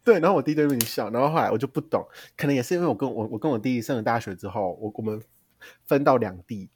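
A young man from Taiwan, co-hosting a casual chat podcast, telling stories in an animated, exaggerated way with frequent laughter. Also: medium pitch, very fast, breathy edge, no echo. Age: young adult. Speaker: podcast co-host.

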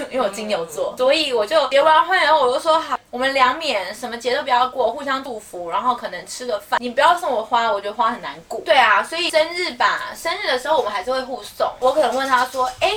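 A woman with a Taiwanese accent co-hosting a casual chat in an expressive, playful manner. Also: high voice, quick pace, few pauses. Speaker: talk show co-host. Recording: slightly distant microphone.

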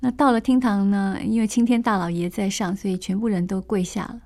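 A woman retells an old classic novel in a relaxed, chatty way, full of small fillers and asides. Her voice sits at an ordinary mid pitch for a woman. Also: fairly quick. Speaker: storyteller.

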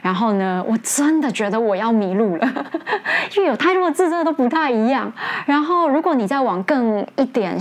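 Here a woman teaches English casually, keeping things talkative and light; she frequently breaks into laughter and jumps up in pitch for emphasis.

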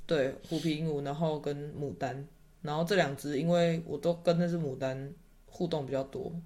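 A man's voice: on the high side, fairly even intonation, moderate pace, a little mellow. Chatty young man. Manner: chatty storytelling, laughing often, trailing off mid-sentence. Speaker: podcast guest. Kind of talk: casual chat.

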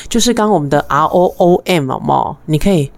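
A woman's voice: low-pitched, lively intonation, fairly quick, gravelly, darkish tone. A woman, co-hosting a casual radio chat and giggling as she explains tips. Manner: giggly, demonstrates sounds playfully. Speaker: co-host teaching intimacy tips.

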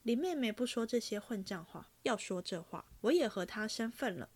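A woman reading aloud and voicing an earnest, impulsive young nobleman who talks in a quick, eager, pleading way. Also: on the high side, expressive, slightly rough.

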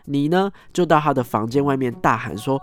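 A man's voice: mid-range voice, brisk, lightly acted. A man putting on a sly pirate mentor. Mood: goading. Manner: teasing, goading.

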